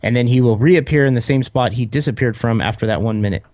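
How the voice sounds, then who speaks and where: Male tabletop player: middle-pitched, dry recording, casual game chat. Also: quick pace, darkish tone, no room sound.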